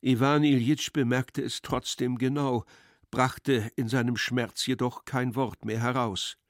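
Male narrator, literary audiobook reading, measured, slow, dry studio sound. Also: mid-range voice, fairly even intonation, no echo.

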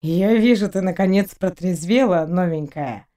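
A woman doing a calm, teasing alien man. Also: fairly low pitch, moderate pace, pitched below the performer's own voice, close to an everyday voice.

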